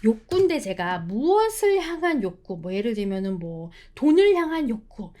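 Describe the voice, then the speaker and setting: A woman teaching an English writing lesson for exam prep, explaining step by step and checking in often with her students. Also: fairly high pitch. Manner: lively, explains step by step with frequent check-in questions; slows down to spell out English phrases.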